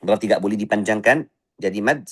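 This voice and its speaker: A man teaching a Quran recitation lesson, stretching out syllables slowly to show the correct sounds and patiently correcting common mistakes. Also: on the low side, a bit bright, husky.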